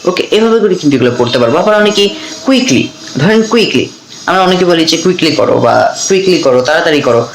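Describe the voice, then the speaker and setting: A man giving a beginners' English pronunciation lesson, saying practice sentences very slowly and clearly. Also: a little high, animated. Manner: slow drawn-out model sentences for practice. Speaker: English teacher. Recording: echoey room with faint noise.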